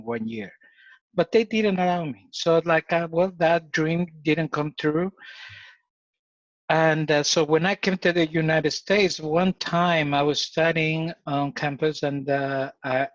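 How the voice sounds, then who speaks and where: A man from Ecuador whose first language is Spanish tells his story at an easy pace, pausing on fillers and laughing freely. His voice sits fairly high for a man. The sound is dry and a bit dull. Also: no echo. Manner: relaxed, many fillers, laughs easily. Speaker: guest. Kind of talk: casual storytelling interview.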